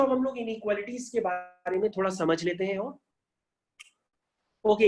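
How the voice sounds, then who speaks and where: Coaxing male math teacher. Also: sits high. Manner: coaxing, calls students "beta", asks questions aloud and answers them; mixes English math terms into Hindi. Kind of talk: online math lesson.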